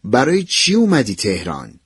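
A man with a husky voice playing a kindly older male professor who talks to his student in a soft, measured, fatherly way. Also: mid-range voice, huge pitch swings, no echo, studio quality, exaggerated voice. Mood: gentle, probing. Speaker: university professor. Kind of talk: radio drama narration.

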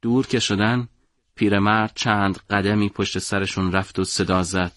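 A man narrating a story for an audiobook in a measured, dramatic way. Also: lowish voice, fairly even intonation, a bit bright, dry recording, studio quality.

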